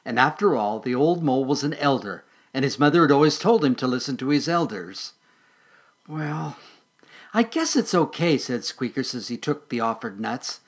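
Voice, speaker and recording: A man reading a children's story aloud as a storyteller, gentle and expressive, slowing and softening for sad parts. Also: medium pitch.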